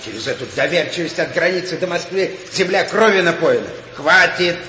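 A man's voice: on the high side, animated, a little fast, bright, forceful tone. A man playing a hard-hearted, suspicious soldier in a war drama, talking bluntly, insistently and colloquially. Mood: indignant, defiant. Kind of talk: stage war drama dialogue. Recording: dull echoey hall, faint ambient noise.

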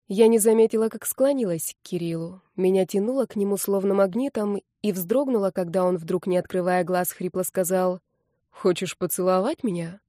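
A woman reading a first-person story aloud, giving the dialogue lively raised voices. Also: medium pitch, no room sound, clean studio sound. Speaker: audiobook narrator. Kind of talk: first-person audiobook narration.

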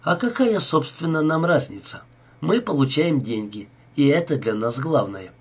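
Nervous club owner, flustered, husky, man reading in an audiobook. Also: a little high, lively intonation, normal speed. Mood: uneasy. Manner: anxious, flustered. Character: nervous, greedy male nightclub owner.

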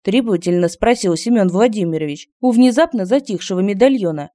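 Woman reading a story, mellow. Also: mid-range voice, lively intonation, brisk, dry recording, studio quality. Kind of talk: scripted narration.

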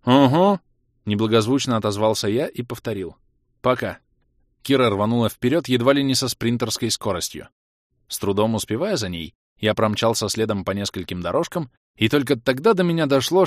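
A man narrating a first-person audiobook in a wry, expressive way. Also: fairly low pitch, a little fast, no echo, clean studio sound.

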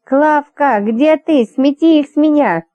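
A woman's voice: on the high side, measured pace, dry recording, lo-fi sound, voice pushed up. A woman reading an audiobook, voicing a raving drunk man in delirium who howls and panics. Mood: panicked. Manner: howling, panicky, slurred.

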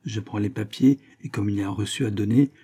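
A man's voice: on the low side, steady tone, quick pace, mellow, breathy edge. A man reading a novel aloud in first-person narration, raising his voice for the dialogue. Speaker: audiobook reader.

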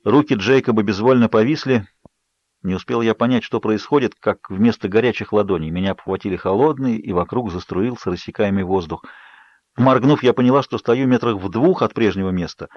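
A man with a fairly low voice reads an audiobook novel in a measured, low-key way. The recording is dry and slightly dull. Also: no echo. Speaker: audiobook narrator. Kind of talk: scripted narration.

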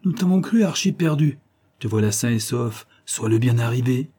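A storybook's jovial naval officer, hearty and teasing, as a male narrator puts him on. The voice is raised and lively over a mellow, husky tone. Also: medium pitch, moderate pace, natural voice. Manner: hearty, bantering.

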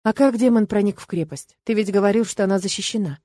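A woman's voice: medium pitch, fast talker, dark tone, no echo, lightly acted. Woman reading a spirited young heroine. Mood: anxious, spirited.

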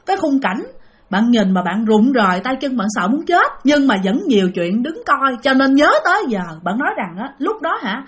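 A woman with a Southern Vietnamese accent telling a ghost story in a chatty, animated way, often addressing her listeners. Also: on the high side.

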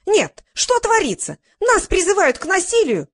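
A woman voicing a big, brash woman from a studio audience who yells and picks fights. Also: a little high, huge pitch swings, a little fast, slightly rough, no echo, heavily acted. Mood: rowdy. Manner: yelling, bossy.

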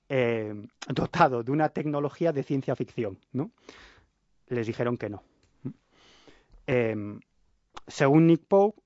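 A man's voice: mid-range voice, no echo, highs cut off. Ironic man telling a story. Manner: lively storyteller, ironic asides, rhetorical questions. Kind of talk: radio chat, storytelling.

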